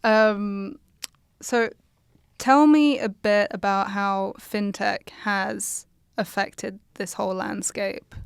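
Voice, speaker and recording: Woman interviewer, smooth yet gravelly, dry close sound, friendly questions. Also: mid-range voice, steady tone, slow, dry recording. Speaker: interviewer host. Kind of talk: conversational interview.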